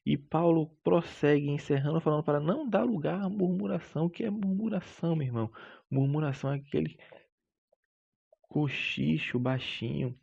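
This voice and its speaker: A man teaches a Bible lesson in a gravelly, husky voice. He preaches with emphasis, drawing out key words and calling his listeners brother. The recording is dull and lo-fi. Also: a little high, normal speed, a little mellow. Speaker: Sunday school teacher.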